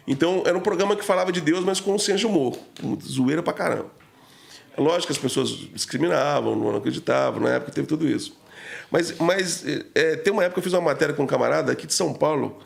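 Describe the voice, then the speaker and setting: A man's voice: fairly high pitch, creaky. A man talking as a podcast guest, telling an emotional story in a slangy, casual way full of fillers.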